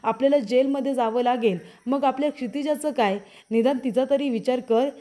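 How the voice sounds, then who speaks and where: A young husband from a TV serial coaxes his wife to calm down, as a woman narrator voices him. The voice is a little high and warm. He repeats his pleas in a soothing way. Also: a little fast, lightly acted.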